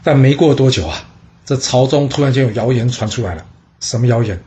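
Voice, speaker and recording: A man's voice: mid-range voice, fairly quick, lo-fi sound, a little hiss or hum. A man telling an ancient court story in a casual storytelling style, posing questions and answering them himself. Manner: lively, asks and answers his own questions.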